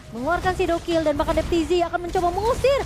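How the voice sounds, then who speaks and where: A woman with an Indonesian accent giving animated live esports commentary and analysis, with quick reactive interjections. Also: extremely high pitch, music in the background.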